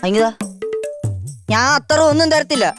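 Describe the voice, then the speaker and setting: Woman doing quick teasing street-seller patter in a skit, high voice, music under it. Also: expressive. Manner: fast, teasing hawker patter. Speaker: comedy sketch performer. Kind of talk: comic sketch acting as a perfume seller.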